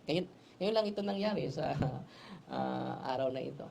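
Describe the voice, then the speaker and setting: A male priest preaching a sermon who tells stories and keeps adding quick tag questions, switching languages as he goes. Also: fairly high pitch, animated, gravelly, a little mellow, a little hiss or hum. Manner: storytelling with frequent tag questions; mixes Tagalog, Cebuano and English.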